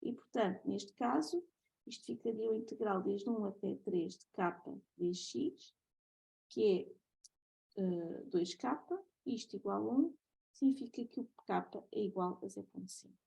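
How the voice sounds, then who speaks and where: A woman with a European Portuguese accent lectures on math, working methodically and often checking in with her students. Her husky, gravelly-creaked voice sits at medium pitch, with a measured pace and warm tone. The recording quality is low.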